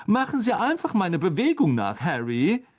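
A man's voice: high voice, huge pitch swings, moderate pace, darkish tone, pitched above the performer's own voice, exaggerated voice. A man voicing a vain, flustered male wizard teacher who talks in a showy, eager, fussy way. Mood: cheery.

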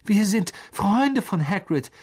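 A shaken but brave young boy wizard, as a male narrator puts him on, raised and urgent. He pushes his words out breathlessly. Underneath sits a husky, slightly gravelly grain. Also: on the high side, expressive, takes it slowly, pitched above the performer's own voice, full character voice.

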